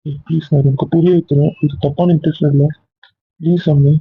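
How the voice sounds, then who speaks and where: A man's voice: fairly high pitch, flat delivery, a little fast, slightly rough. A man playing a pleading, insecure young lover. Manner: pleading, coaxing, repetitive. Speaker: husband or boyfriend. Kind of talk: Tamil audio drama acting. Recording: tinny phone-like recording.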